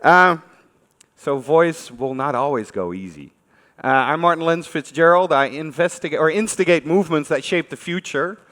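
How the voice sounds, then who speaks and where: On a large conference hall stage, with plenty of reverb in the recording, a Netherlands-born man with a Dutch accent talks informally and quizzes the crowd. His fairly bright voice sits on the high side, expressive and at a moderate pace.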